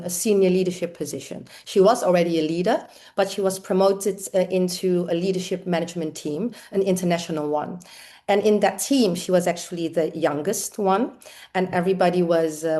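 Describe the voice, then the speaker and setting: A woman's voice: fairly low pitch, warm tone. A middle-aged woman from the Netherlands, an executive coach, answering interview questions in a thoughtful way with frequent fillers.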